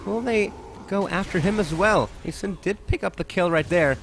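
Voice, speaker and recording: A man doing play-by-play esports commentary, excitable and rising with the action, with frequent restarts. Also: sits high, normal speed, a little hiss or hum.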